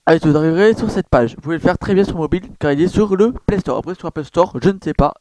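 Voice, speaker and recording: A man's voice: fairly high pitch, fast talker, a little mellow, a little hiss or hum. A man casually walking viewers through a gaming site, rambling with many fillers and self-corrections. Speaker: gaming YouTuber. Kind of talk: casual screen-recorded walkthrough.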